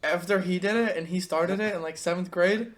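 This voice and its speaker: A young man hosting a casual podcast, telling animated stories with laughter and quick impressions. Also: a little hiss or hum. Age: young adult. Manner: animated storyteller, breaks into laughter and high-pitched impressions. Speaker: podcast host. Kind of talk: casual chat.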